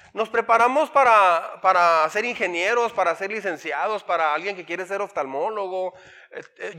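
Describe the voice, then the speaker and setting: Bright high-voiced pastor preaching. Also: male voice. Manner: animated, acts out parents and kids in quoted voices, asks the congregation questions. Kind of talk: sermon. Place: church hall.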